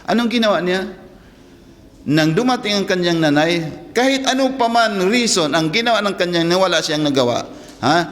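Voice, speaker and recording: A man's voice: high-pitched, lively intonation, moderate pace, fairly bright tone, long reverb tail. A man preaching a religious story in a rambling way, often asking his listeners "ha?" and mixing in Arabic phrases.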